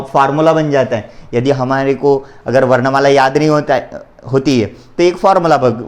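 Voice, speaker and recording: A man teaching a Hindi grammar lesson to his students, spelling out letters one by one and having them repeat after him. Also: medium pitch. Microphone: recording for an online lesson.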